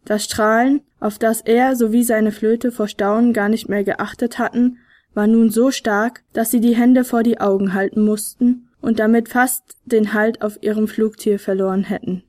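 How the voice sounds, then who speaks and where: A woman tells a children's story in an expressive, gentle way. Her voice sits a little high, and the recording is dry and close, with no room sound at all. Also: moderate pace, no room sound. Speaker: narrator. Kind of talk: storybook narration.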